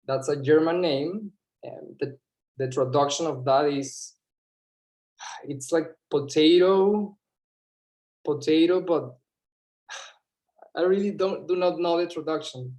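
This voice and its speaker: A man's voice: on the high side, takes it slowly, pauses often, a little mellow. Man answering off the cuff. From Venezuela. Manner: hesitant, repeats words, searches for English terms. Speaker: club member giving an impromptu answer. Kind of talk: impromptu speech on a video call.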